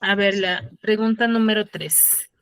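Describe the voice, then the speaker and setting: A woman teaching a class over a video call reads passages aloud at an even pitch, then explains what they mean. She calls on students one by one. Her voice sounds dry and close, with no room around it. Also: a little slow, clean tone, no room sound. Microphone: computer or phone on a video call.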